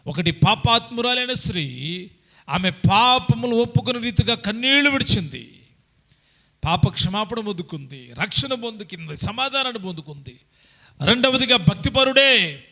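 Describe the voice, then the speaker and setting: High, bright-voiced preacher man. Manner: storytelling preacher, swings from hushed to ringing. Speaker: pastor. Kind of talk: sermon.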